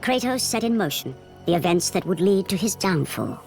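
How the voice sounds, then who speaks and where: A grave storyteller of ancient myth for a video game. Her scripted narration is dramatic and widely swooping in pitch, set over music. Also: big pitch swings, moderate pace, darkish tone.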